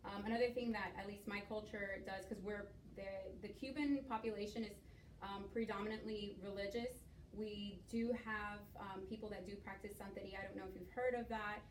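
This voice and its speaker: Speaking at a fairly quick clip with medium pitch and mostly even intonation, this young Miami woman guides a class presentation discussion, stumbling over plenty of fillers. The distant mic in the skills lab room picks up a roomy echo and a bit of faint noise.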